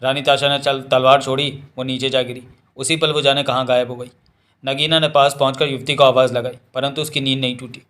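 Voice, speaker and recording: A man reading a Hindi novel aloud as an audiobook narrator, voicing every character in the same steady way. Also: medium pitch, brisk. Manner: reads all characters in a nearly even voice.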